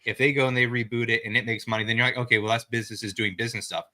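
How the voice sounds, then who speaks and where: A man appearing as a podcast guest, arguing fast in casual chat with lots of fillers. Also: mid-range voice, steady tone, sharp tone.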